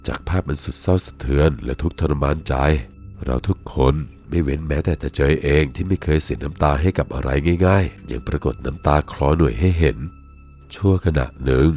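A first-person ghost story is read by a man whose voice is extremely low and deep. His delivery is solemn and measured, with faint music quietly in the background.

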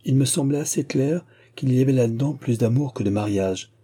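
Man reading a classic novel aloud, measured, dark mellow voice, husky. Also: medium pitch. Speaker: audiobook narrator. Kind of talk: scripted narration.

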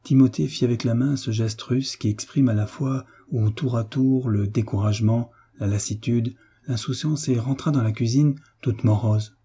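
A man reading a novel aloud in steady audiobook narration. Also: medium pitch, moderate pace, few pauses, breathy edge.

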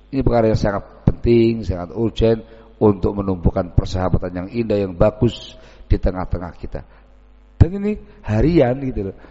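A man's voice: on the low side, creaky, dark tone. Man preaching in an echoey hall. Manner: folksy storytelling, acts out village dialogues. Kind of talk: dawn sermon. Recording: echoey hall, dull lo-fi sound.

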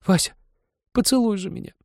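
A man voicing a devoted young village girl who pleads through tears in a breathy whisper. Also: high voice, brisk, dry recording, clean studio sound, voice pushed up, natural voice. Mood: anguished crying out.

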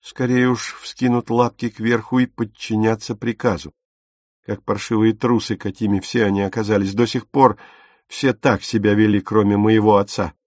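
A proud young woman who gives orders and scorns those around her. A male audiobook narrator puts her on, lifting his low voice into a sharp, forceful, commanding tone. The recording is dry and close. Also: level tone, normal speed, dry recording, close to an everyday voice. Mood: bitter. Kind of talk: audiobook character reading.

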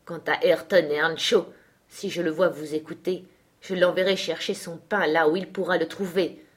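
A woman's voice: on the low side, steady tone, normal speed, natural voice. A woman reading an audiobook, voicing a domineering middle-aged man who barks harsh threats and commands. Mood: menacing.

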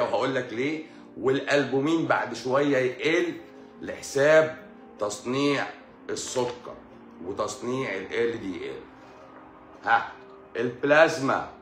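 An Egyptian man talks through a medical explanation on a live stream at a middle pitch. He drills key terms by asking them back as questions and greets viewers in passing. The room is echoey, and faint music plays underneath. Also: a bit bright. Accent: Egyptian Arabic. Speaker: doctor giving a live talk.

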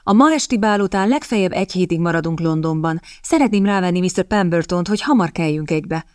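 A woman voicing a determined, impatient young elder sister who talks briskly and with exasperation. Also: lowish voice, lively intonation, a little mellow, smooth, dry recording, clean studio sound, lightly acted.

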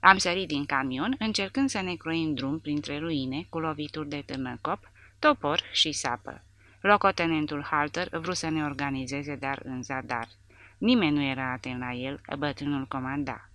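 A woman's voice: deep voice, bright, forceful tone. A woman reading a war novel aloud as an audiobook narrator, with dramatic storytelling delivery. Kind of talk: scripted narration.

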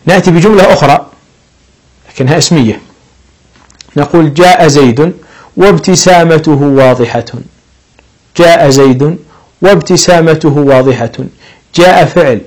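A man's voice: on the high side, darkish tone, low-quality recording. A man teaching an Arabic grammar lesson, explaining patiently step by step and lifting his voice on each example sentence.

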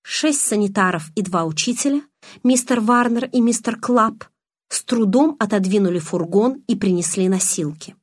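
Husky-voiced woman reading a novel. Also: medium pitch, expressive, normal speed, no room sound, clean studio sound. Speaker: audiobook narrator. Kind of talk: first-person novel narration.

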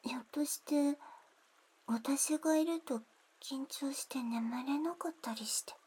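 Casting: actress as gentle young female attendant, sleepy ASMR role-play, breathy pillow talk, high and slow. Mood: tender, attentive. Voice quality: breathy, soft-spoken. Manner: soft, intimate pillow talk.

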